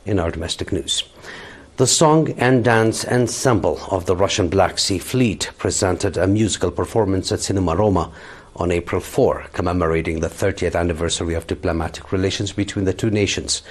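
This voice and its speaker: A man reading a television news bulletin in a formal, measured way, now and then correcting himself. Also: sits low. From Eritrea. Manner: formal, measured newsreading with occasional slips and self-corrections. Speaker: news anchor.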